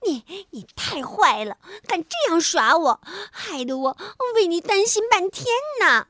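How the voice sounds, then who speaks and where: A woman's voice: high voice, animated, slow, fairly bright tone, no echo, clean studio sound, full character voice. A woman voicing a cheeky little frog in a children's story, stammering and giggly. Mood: angry.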